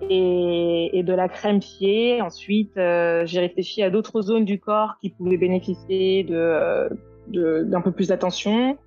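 Woman, 30s, from France, podcast guest, hesitant, lowish voice, muffled sound. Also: fairly even intonation, unhurried, dark tone, faint music behind. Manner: hesitant, many fillers. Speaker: guest, skincare founder. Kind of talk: podcast interview.

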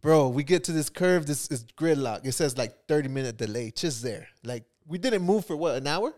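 A man's voice: fairly high pitch, animated, normal speed, darkish tone. A man hosting a podcast, laid-back and chatty, with casual slang. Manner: laid-back, says "bro", laughs often. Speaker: podcast host. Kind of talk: casual chat.

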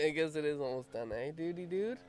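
A man in a casual podcast chat, high on weed, giggling and easygoing. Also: lively intonation, moderate pace, darkish tone. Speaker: podcast co-host.

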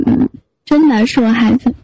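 A woman's voice: fairly high pitch, normal speed, crowd noise. A twenty-year-old woman from Sichuan calling into a casual voice chat, answering briefly and plainly. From Sichuan, China. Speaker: caller in a voice chat. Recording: dull lo-fi online voice call.

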